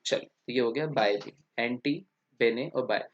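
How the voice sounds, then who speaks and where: A man's voice: medium pitch, moderate pace, a little hiss or hum. A man with an Indian accent giving an English vocabulary lecture, explaining step by step and checking in with his students. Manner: explains step by step, asks "theek?" often. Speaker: English teacher. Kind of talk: classroom lecture. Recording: dull lo-fi recording.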